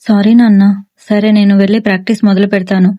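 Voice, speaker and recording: A woman's voice: medium pitch, flat delivery, fast, dry recording, highs cut off, natural voice. A woman voicing a lazy, sleepy young man who whines and complains to his father, in a storybook reading. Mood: whiny.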